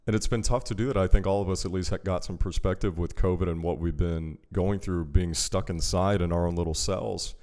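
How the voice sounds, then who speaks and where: A man hosting a podcast, chatting casually and getting animated when he stresses a point. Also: low voice, brisk, hardly any pauses. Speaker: podcast host. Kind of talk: casual chat.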